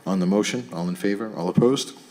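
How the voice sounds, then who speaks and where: A man chairing a committee meeting, calling votes in brisk set phrases. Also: fairly low pitch. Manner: brisk, formulaic. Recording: distant mic with background noise.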